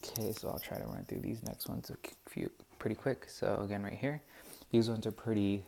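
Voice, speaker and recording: In a classroom scansion walkthrough, a young student presents with a lowish, steady, mellow voice that has some vocal fry and runs a little fast, with slight hiss or hum in the audio. He sounds unsure, often restarting and using many fillers.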